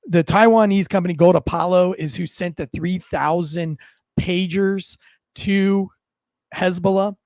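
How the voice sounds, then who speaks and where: This online news host talks to viewers off the cuff and informally, stumbling a bit and repeating words frequently. He has a fairly high, slightly mellow voice, and the audio carries no echo.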